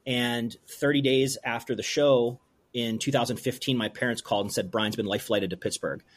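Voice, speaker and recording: Earnest, halting man telling a story. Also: medium pitch, fairly even intonation. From rural Pennsylvania. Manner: earnest, halting, with many restarts. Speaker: brewery owner, guest. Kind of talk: emotional interview storytelling.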